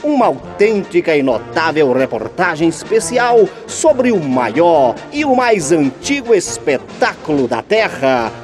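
Theatrical ringmaster-style radio announcer, man. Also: sits high. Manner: grandiose, drawn-out showman delivery. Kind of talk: theatrical circus-ringmaster introduction.

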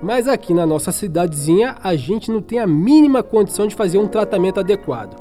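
An actor playing a concerned small-town doctor in a radio drama. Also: male voice, high-pitched, sing-song, fast talker, warm tone, faint music behind.

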